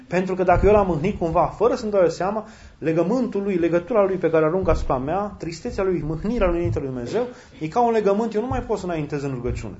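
A man preaching a sermon as a priest, speaking animatedly and leaping up in pitch when he voices other people. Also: darkish tone. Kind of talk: sermon answering questions. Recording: dull lo-fi with faint noise and clicks.

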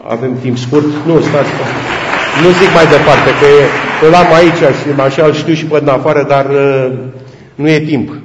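A man's voice: a little high, fairly even intonation, a loud crowd, heavy background noise. A man giving an informal storytelling talk to an audience, rambling and chatty and addressing his listeners directly. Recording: roomy hall with long reverb, dull lo-fi sound.

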